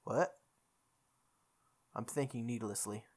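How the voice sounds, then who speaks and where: A video game playthrough host reads visual novel narration dramatically in a mid-range voice that is slow and a little mellow. Game music plays behind the voice.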